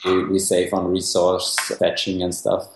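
A young Austrian developer with a very low, monotone voice explains his technical work as a guest in a casual interview. He hesitates a lot, restarting sentences and filling pauses. The recording has a noticeable room echo and some background noise.

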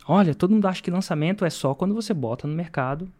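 Brief: Brazilian man, high voice, lively storyteller in casual podcast talk. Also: racing. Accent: Brazilian Portuguese. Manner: animated storyteller, laughs often. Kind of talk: casual chat.

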